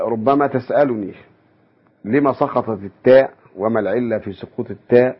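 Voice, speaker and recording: A man giving an academic lecture, measured and explanatory, posing rhetorical questions to his listeners. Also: lowish voice, husky. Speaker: university lecturer. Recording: dull lo-fi radio broadcast.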